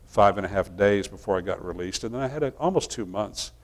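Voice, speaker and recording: Low-voiced man telling a folksy sermon story. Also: fast talker. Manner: relaxed, folksy storytelling with frequent restarts. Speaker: minister.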